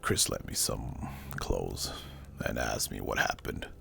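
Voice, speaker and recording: Extremely deep, gravelly whispering male storyteller. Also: slight background noise. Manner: slow, hushed, deliberate and spooky. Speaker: narrator. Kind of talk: whispered ASMR horror storytelling, scripted first-person narration. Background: music.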